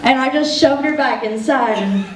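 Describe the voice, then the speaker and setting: Young woman, wedding toast, laughing and teary, high-ish voice, echoey room, distant mic. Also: moderate pace, crowd noise. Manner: laughing often, emotional, close to tears. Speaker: best friend giving a wedding toast.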